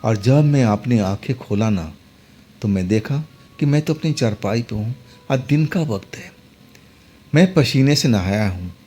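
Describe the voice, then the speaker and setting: A man's voice: medium pitch, expressive, a little slow, mellow, husky. A man narrating a first-person horror story in a dramatic, conversational way.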